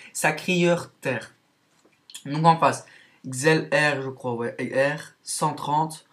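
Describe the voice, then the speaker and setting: Slow, hesitant man commentating gameplay. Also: mid-range voice. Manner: hesitant, full of "donc" and "euh" fillers. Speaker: gamer commentating his own match.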